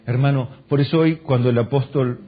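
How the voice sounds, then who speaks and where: A man with an Argentine Spanish accent preaching a sermon as a pastor, firing rhetorical questions at the congregation, rising to loud exclamations and dropping to soft prayer. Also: mid-range voice, fairly even intonation, brisk, narrow, tinny audio. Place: church.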